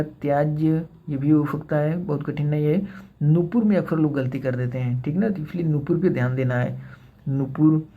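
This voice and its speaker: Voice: mid-range voice, warm tone. A teacher giving an exam-prep grammar lesson, repeating each word and checking in with the listeners. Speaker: Hindi teacher for exam preparation. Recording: dull lo-fi sound.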